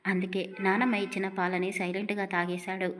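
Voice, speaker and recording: A woman's voice: medium pitch, level tone, brisk, a bit bright, slight background noise. Woman storyteller, scripted narration of a romantic audio story, emotive and dramatic delivery.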